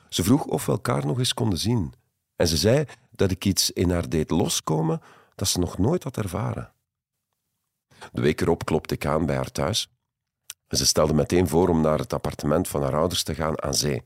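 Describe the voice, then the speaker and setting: A man giving a scripted first-person narration in an intimate, measured way. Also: low-pitched, creaky, slightly rough, no room sound, studio quality.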